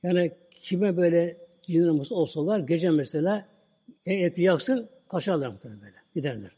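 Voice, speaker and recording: A male preacher retelling a story at a relaxed pace and tagging lines with the same filler word as he goes. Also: a little high, a little fast, slightly rough. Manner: relaxed retelling, "böyle" at line ends. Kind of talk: religious talk with storytelling. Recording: long hall reverb.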